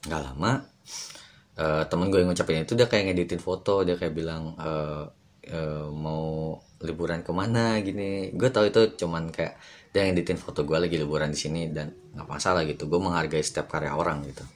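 A man's voice: a bass voice, steady tone, fairly quick, a little hiss or hum. A young man telling a personal story in a casual, rambling podcast monologue full of fillers. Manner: rambling, many fillers, slangy. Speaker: podcast host.

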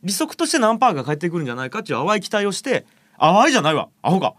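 A man's voice: high-pitched, very animated, very fast, a bit bright, dry recording, clean studio sound. A man with a Kitakyushu accent hosting a radio show, teasing his co-hosts in casual banter. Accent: Kitakyushu Japanese. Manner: teasing, playful, hosting the segment.

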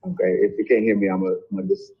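A man with a lowish voice comes through a poor, muffled online call with dull, lo-fi sound. He talks in a hesitant, casual way, piling up fillers and restarting his sentences. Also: level tone, racing, slightly rough. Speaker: discussion participant. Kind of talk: casual group discussion.

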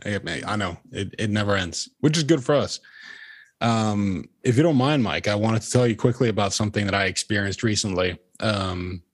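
A man's voice: fairly low pitch, normal speed, husky. A young man from Norway, co-hosting a podcast in casual, earnest chat. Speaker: podcast co-host.

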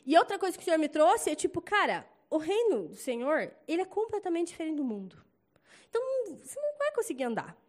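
Young brazilian woman telling a church story, high voice, chatty and animated, brazilian accent. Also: fast talker. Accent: Brazilian Portuguese. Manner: chatty, animated storytelling with loud acted quotes. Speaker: church member giving a testimony. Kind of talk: casual testimony talk.

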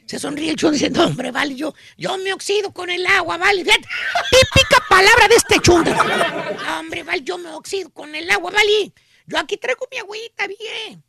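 A man's voice: very high-pitched, moderate pace, vocal fry, a crowd in the background. A man voicing a cartoonish, teasing gossip storyteller with a Mexican accent, in slangy Chicano-style Spanish peppered with English, for a comic radio bit. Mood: gleeful gossip.

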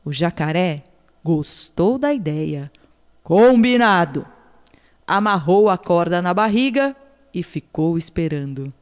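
A woman narrating a children's fable in an expressive storytelling manner. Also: on the low side, unhurried. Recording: long hall reverb.

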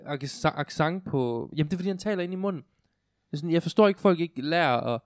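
A young man in relaxed conversation, getting animated and tripping over his own restarts. He throws English words into his talk now and then. The recording is close and dry, with no room sound. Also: fairly high pitch, dry recording. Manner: animated, stumbling restarts, mixes English into speech. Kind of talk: casual chat.

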